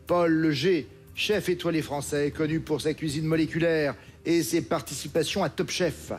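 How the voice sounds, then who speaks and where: A man hosting a TV quiz show in a studio, reading questions briskly and crisply. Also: fairly high pitch, steady tone, faint music behind.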